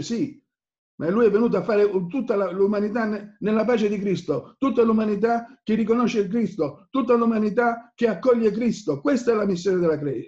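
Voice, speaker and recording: A man's voice: high-pitched, mellow. A man preaching an impassioned sermon, repeating phrases and growing angry as he presses his points. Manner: fervent, repetitive, rises in anger. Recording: dull lo-fi recording.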